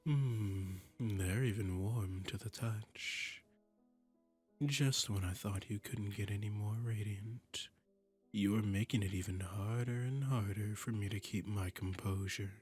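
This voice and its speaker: In an intimate roleplay audio drama, a man voices a flirtatious, commanding demon prince, sounding silky, teasing and imperious, his breathy delivery often sinking to a whisper. His voice sits on the low side with a steady, slightly mellow tone, and he takes his time over soft background music. The mood is playful and flirtatious.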